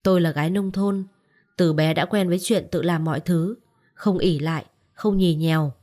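A woman's voice: on the low side, fairly even intonation, moderate pace, dark tone, natural voice. A feisty blunt country wife, read by a woman. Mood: defiant. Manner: blunt, defiant.

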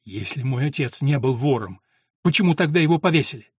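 A man's voice: medium pitch, animated, fairly quick, darkish tone, husky, no room sound, studio quality. A man voicing a hot-tempered young male stonemason apprentice who lashes out in bursts. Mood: bitter. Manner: bursting, accusing outbursts.

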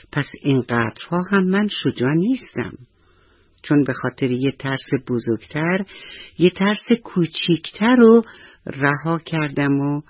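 A man's voice: fairly high pitch, slightly rough, no room sound, highs cut off. A man voicing a timid scarecrow who worries aloud in a children's radio story.

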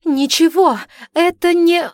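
A woman's voice: mid-range voice, steady tone, normal speed, warm tone, no echo, clean studio sound, natural voice. Woman reading as a frightened, pleading young woman. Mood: frantic. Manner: pleading, tearful, whispering.

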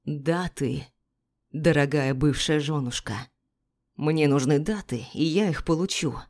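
A woman's voice: low voice, measured pace, a little mellow. A woman voicing an icy, menacing ex-husband. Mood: icy menace. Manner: icy, clipped, threatening. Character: cold menacing powerful man, ex-husband.

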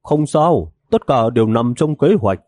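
A man's voice: mid-range voice, expressive, unhurried, warm tone, no room sound, lightly acted. A man voicing a sheepish male double agent who pleads his case in a raised tone. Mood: smug.

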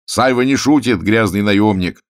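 A man's voice: fairly low pitch, normal speed, dry recording, clean studio sound, voice pushed up, lightly acted. A man reading aloud and voicing a proud boy who plays a scornful, commanding knight.

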